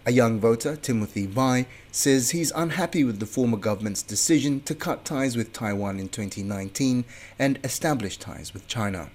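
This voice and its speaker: A man's voice: medium pitch, lively intonation, moderate pace, darkish tone. A man working as a radio reporter, narrating a scripted news report.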